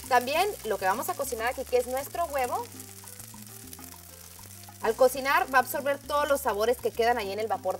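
A cooking show host, a woman with a fairly high voice, cheerfully walks the viewer through every step of a demonstration. There's a pan sizzling close by and faint music underneath.

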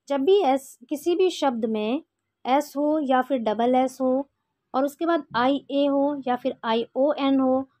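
An Indian woman teaching English pronunciation, explaining rules slowly and patiently, step by step. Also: high-pitched, darkish tone, no echo. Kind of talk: explaining a lesson in Hindi.

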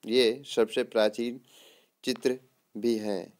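A man gives an exam lesson, reading carefully from notes and answering his own questions, with the odd repeated word. The teacher's mid-range voice is level and somewhat dark.

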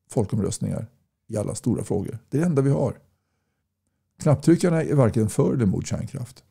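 Gravelly, dark-voiced man. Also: on the low side. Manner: blunt, folksy, repeats points with rhetorical questions. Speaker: political campaigner. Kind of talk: casual direct-to-camera talk reading viewer comments.

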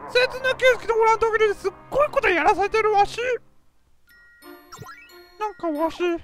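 Woman doing game commentary, playful old-fashioned dialect, extremely high voice, faint music underneath. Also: moderate pace. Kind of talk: casual let's play commentary.

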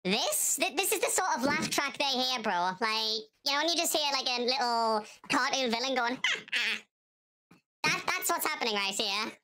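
A man putting on a high, giggly cartoonish voice while commentating a fighting game. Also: expressive, moderate pace, pushed and bright, heavily acted. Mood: goofy. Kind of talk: comedic voice during esports commentary.

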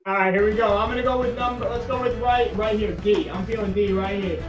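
A young American man with a high voice works as a game show host, upbeat and animated. The sound is slightly dull and lo-fi, with music faintly behind him. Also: a little fast, echoey room. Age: 20s. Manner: animated game show host patter, addressing viewers as guys. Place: small room indoors at home.

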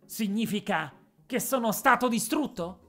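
A woman voicing a frantic young male goblin in a fantasy audio story, shrill and yelling. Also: lively intonation, a little slow, faint music behind. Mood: confused.

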